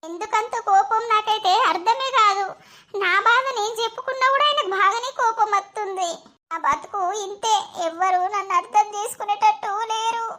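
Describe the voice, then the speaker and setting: A woman acts out a very high, bright-voiced young bride in a village cartoon, motherless and full of self-pity. She laments tearfully with a lilt. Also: normal speed. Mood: sulking.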